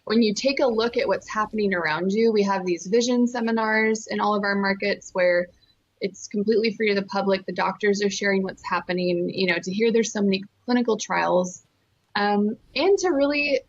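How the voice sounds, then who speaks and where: This interview guest, a nonprofit fundraiser from California who was born in Costa Rica, speaks with a medium-pitched voice at a moderate pace. She tells her story earnestly, enthusiastically and emphatically, and the recording sounds muffled.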